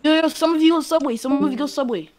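A woman's voice: sits high, rapid-fire, crowd noise. A woman in casual game voice chat, making urgent, repetitive, slangy callouts. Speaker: online gamer.

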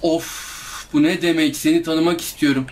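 A man's voice: a little high, steady tone, normal speed, slight background noise. Exasperated young man groaning through gameplay. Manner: exasperated, groaning and pleading at the game. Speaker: gameplay streamer. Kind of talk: live gameplay commentary.

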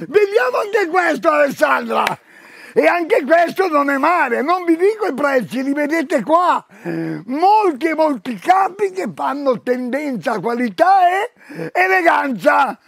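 An older man presenting products on a TV shopping show, talking loudly and exclaiming to viewers as he pitches items from the shop floor. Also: lively intonation, measured pace, vocal fry, dry recording. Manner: loud, exclamatory, keeps calling out to viewers. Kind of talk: live store sales pitch.

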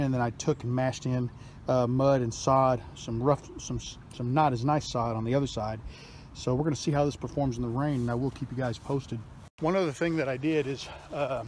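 Recorded on a phone held at arm's length, a forty-something workshop vlogger speaks with a medium-pitched male voice and slight hiss or hum. He wanders casually through a DIY vlog outdoors in his backyard and garage, chatting away with fillers and restarts.

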